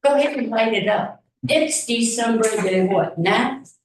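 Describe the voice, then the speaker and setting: A woman's voice: fairly high pitch, unhurried, a little hiss or hum. Woman, council member, chatty, distant echoey hall. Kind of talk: council meeting discussion. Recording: roomy meeting hall, distant mic.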